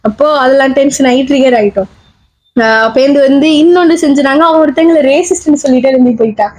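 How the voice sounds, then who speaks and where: A woman's voice: high voice, fast, a little mellow. A woman telling a story in casual chat as a podcast co-host, laughing often.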